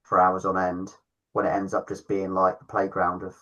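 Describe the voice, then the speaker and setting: A man's voice: low-pitched, completely flat delivery, moderate pace, fairly bright tone, muffled recording. A man, a podcast host and club founder, chatting in an enthusiastic, self-deprecating way. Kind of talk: casual chat.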